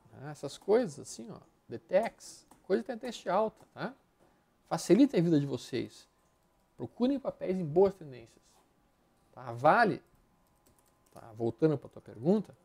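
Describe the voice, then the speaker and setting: A man's voice: sits high, sing-song, moderate pace, creaky, pauses often, a little mellow. A man with a Brazilian Portuguese accent giving live stock market commentary over charts, blunt and slangy, rattling off repeated words as he flips through them.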